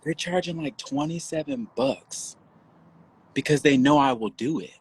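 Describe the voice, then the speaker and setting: A man joining a casual livestream from home over a phone call, chatty and quick to laugh. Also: medium pitch, slight background noise. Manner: laughing, chatty, animated storyteller. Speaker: livestream guest. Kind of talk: casual chat.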